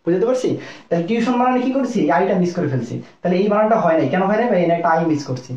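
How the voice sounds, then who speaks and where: A young man from Bangladesh giving a live online lesson as a medical admission tutor, talking fast and often checking in with his listeners. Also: high-pitched, sing-song, a little mellow. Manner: rapid, repetitive, keeps checking in with listeners. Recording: echoey, dull lo-fi room sound.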